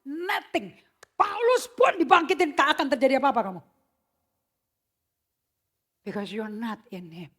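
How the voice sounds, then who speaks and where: A woman preaching a sermon in a casual, slangy way, mixing in English phrases and swinging from loud shouts to hushed whispers. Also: high voice, lively intonation, measured pace, pauses often. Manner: mixes English phrases into her speech; casual slangy emphatic delivery.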